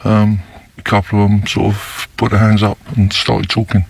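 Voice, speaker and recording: Man with a disguised, deep, flat voice. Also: gravelly, a little hiss or hum. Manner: slow, halting, with many fillers. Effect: disguised voice, pitched down deep. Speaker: former undercover police officer. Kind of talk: recorded news interview.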